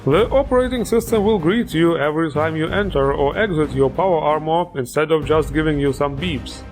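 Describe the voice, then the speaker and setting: Man, game mod showcase host, upbeat, joking, fairly high voice, faint music behind. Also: brisk.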